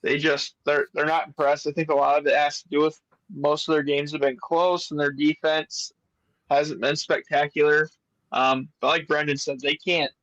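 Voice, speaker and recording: A man's voice: a little high, fairly bright tone, no room sound, highs cut off. A man co-hosting a casual betting show, explaining his numbers analytically and hesitating with fillers. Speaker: co-host who runs the prediction model. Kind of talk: casual sports betting podcast chat.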